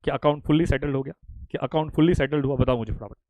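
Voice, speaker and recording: Indian man, middle-aged accounting tutor, high voice, repeats and pushes for fast answers, dry close sound. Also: dry recording, phone-quality sound. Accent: Indian English. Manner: drilling repetition, urging quick answers. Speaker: accounting teacher. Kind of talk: live online lecture.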